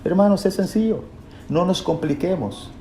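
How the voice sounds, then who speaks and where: With a high, mellow voice at an ordinary pace, a man preaches a Bible lesson, emphatic and instructive, asking rhetorical questions and repeating key phrases. The room echoes and there's faint background noise.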